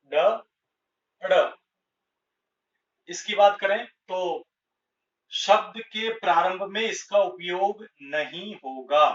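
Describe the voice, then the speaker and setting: A man teaching a grammar lesson at a board, speaking slowly and deliberately and repeating each example word. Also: high voice, a bit bright. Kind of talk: blackboard Hindi grammar lesson. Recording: echoey room, distant lo-fi mic.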